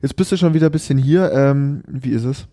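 A male podcast host chats informally with a relaxed, dark-toned voice at an average pitch. The sound is very dry and close. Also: brisk, no room sound. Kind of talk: casual podcast chat.

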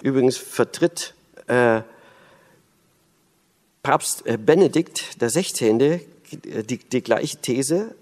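Man from Berlin, lecture voice, halting with restarts, long hall echo. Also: mid-range voice. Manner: thoughtful, many fillers and restarts. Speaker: speaker on church and religion.

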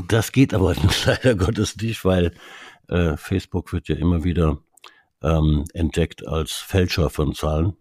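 This media expert guest, a native English speaker from Canada, chats casually as an expert in a low, husky, slightly mellow voice. He speaks unhurriedly but hesitantly, with many fillers and restarts, and the clean studio recording has no echo.

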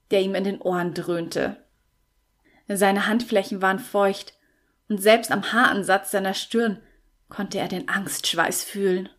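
A woman reads a fantasy tale aloud at a slow, unhurried pace. Her delivery is measured and steady, in the way of a scripted audiobook narration. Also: mid-range voice.

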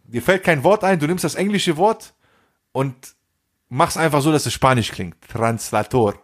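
A man in his forties co-hosts a casual podcast chat, his fairly high voice moving at a moderate pace. He tells an animated anecdote in street slang, acting out the voices of the people in the story.

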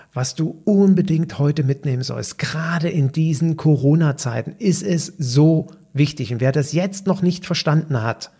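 A middle-aged man gives a motivational podcast talk as a personal trainer and mentor, his voice gravelly and a little husky. His tone is mellow and dark, and he speaks with emphasis, often stopping to check in with the listener. His pitch sits somewhat high for a man.

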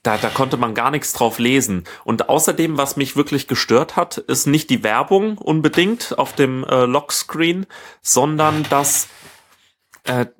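A man's voice: medium pitch, slight background noise. A man co-hosting a casual tech podcast in a living room, rambling and often correcting himself mid-sentence. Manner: rambling, halting, self-correcting. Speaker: podcast co-host.

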